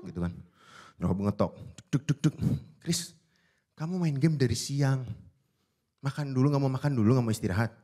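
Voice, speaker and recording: Onstage in front of a live crowd, this young comic speaks at a moderate pace with long pauses, his pitch medium. He's animated throughout and keeps slipping into strange character voices.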